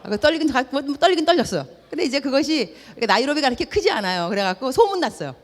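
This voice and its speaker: A woman's voice: high voice, rapid-fire, big-room sound. A woman missionary telling stories in a sermon, acting out the dialogue and dropping in English words. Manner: lively, acts out dialogue, drops in English words. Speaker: missionary preacher. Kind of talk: storytelling sermon.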